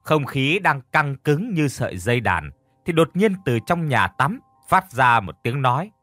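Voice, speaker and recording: A man narrating a scripted horror story with suspenseful, animated delivery. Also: medium pitch, a little slow, no echo, faint music behind.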